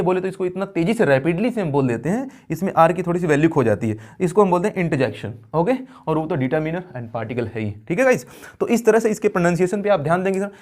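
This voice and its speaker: A man teaching an English grammar lesson in a playful, jokey way. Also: high voice. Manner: playful, jokey, addresses viewers as kids. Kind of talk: classroom lesson.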